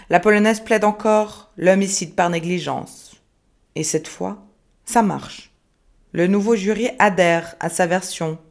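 A woman giving scripted true-crime narration in a measured, grave manner with dramatic pauses. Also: fairly low pitch.

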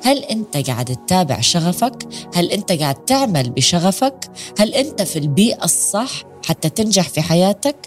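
A woman's voice: lowish voice, big pitch swings, fairly quick, soft background music. A woman hosting a motivational podcast, chatty and putting direct questions to listeners. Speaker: podcast host. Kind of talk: motivational storytelling.

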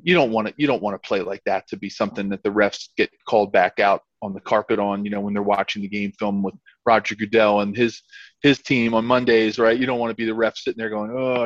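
A man's voice: fairly low pitch, a bit bright, no echo. Emphatic male football pundit, dry dull recording. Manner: emphatic, repetitive, halting phrasing. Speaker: football podcast co-host. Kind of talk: casual sports commentary. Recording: dull, slightly lo-fi sound.

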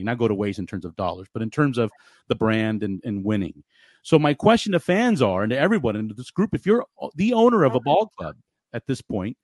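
A man co-hosts a casual sports podcast, speaking earnestly and posing questions. His voice is mid-pitched and ordinary. The recording is dry and close. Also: no echo. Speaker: podcast co-host.

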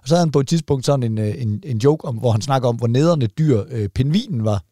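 A man's voice: mid-range voice, animated, dark tone, no echo, clean studio sound. A man co-hosting a comedy podcast, talking casually, restarting words and swearing loosely. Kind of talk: casual chat.

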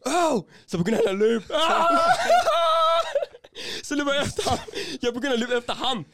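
A young man hosting a casual podcast chat, telling stories in animated, slangy talk and laughing as he goes. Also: extremely high pitch, background noise. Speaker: podcast host.

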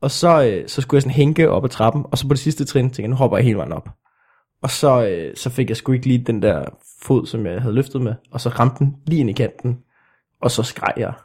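A young man chatting casually as a guest, halting and restarting often, with bursts of mock outrage. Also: medium pitch, expressive, a little mellow, slightly rough. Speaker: podcast guest. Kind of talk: casual chat.

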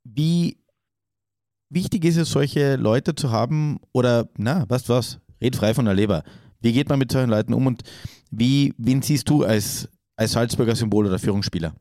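A man's voice: mid-range voice, normal speed, warm tone, dry recording. Co-host, man, conversational and joking, dry close mic. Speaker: podcast co-host. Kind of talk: casual interview chat.

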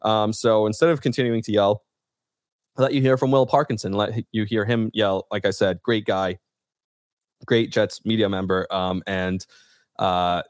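A man's voice: on the low side, fairly even intonation, moderate pace, no room sound, clean studio sound. A man hosting a sports podcast, ranting heatedly and swearing in frustration. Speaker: podcast host.

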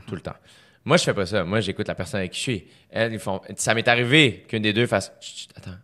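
Man, Québécois accent, bright low voice, casual podcast host, rambling stories. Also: fairly quick. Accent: Québécois French. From Quebec. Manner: chatty storyteller, many fillers. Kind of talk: casual conversation.

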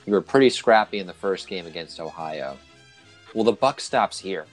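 A man's voice: low-pitched, lively intonation, moderate pace, faint music behind, rough recording. A young man co-hosting a casual sports podcast, laid-back and dry, chuckling often. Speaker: podcast co-host.

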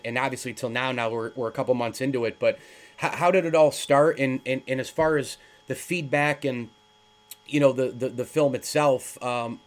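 A man hosting an interview, asking long rambling questions full of fillers. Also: mid-range voice. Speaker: interview host.

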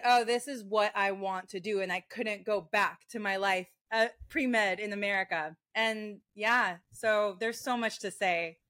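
A woman's voice: mid-range voice, a bit bright. Woman guest, from Venezuela, reflective storyteller, mid-range voice. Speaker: guest filmmaker. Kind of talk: podcast interview.

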